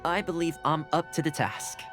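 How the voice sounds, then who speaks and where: A man's voice: fairly high pitch, normal speed, over music, close to an everyday voice. An actor voicing a friendly, earnest young male housekeeper in a video game, with an easygoing manner. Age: young adult.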